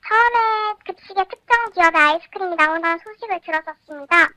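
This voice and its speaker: A teenage high school student speaking through a voice changer for anonymity, answering interview questions carefully and politely with frequent "uh" fillers. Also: quick pace, bright, forceful tone, no room sound. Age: teens. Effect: pitch-raising voice changer for anonymity.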